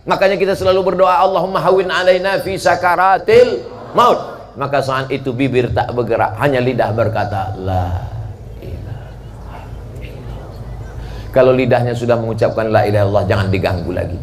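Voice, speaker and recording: A man preaching a dawn sermon in a mosque, lively and joking, who bursts into shouts and draws out chanted Arabic phrases. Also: mid-range voice, slight background noise. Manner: animated, jumps to shouting, playful jokes, drawn-out chanted Arabic.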